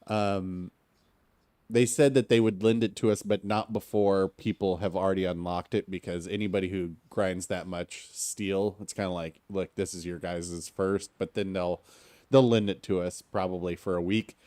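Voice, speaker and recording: Male streamer, lowish voice, stuffy and hungover, loose rambling live commentary. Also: fairly even intonation, normal speed, mellow. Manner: rambling, conversational, many fillers. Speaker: game streamer.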